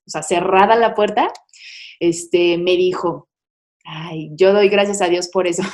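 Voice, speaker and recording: A woman's voice: medium pitch, a little mellow. Candid middle-aged woman sharing testimony. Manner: candid, confiding, chatty with many fillers. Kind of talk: personal testimony talk.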